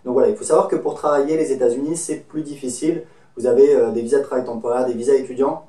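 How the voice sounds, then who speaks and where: A chatty man from France in his thirties, talking casually to camera with a warm, mellow tone. His voice carries the echo of a bare room, picked up by a mic set some distance away. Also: mid-range voice, fairly even intonation, fast. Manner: chatty, friendly, speaks from personal experience. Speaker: host giving travel advice. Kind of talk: casual advice talk to camera.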